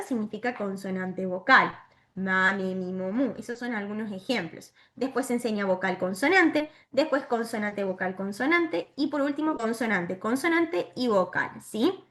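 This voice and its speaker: A woman giving a virtual training lesson to teachers, explaining step by step and often checking in with a quick "¿sí?". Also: fairly high pitch, animated, fairly bright tone.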